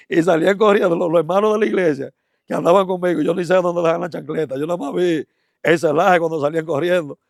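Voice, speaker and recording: A man telling a testimony as an evangelist, halting often and repeating words as he talks. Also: a little high, gravelly, no room sound, studio quality. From Dominican Republic. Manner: halting, stammering repetitions, animated. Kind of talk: testimony storytelling.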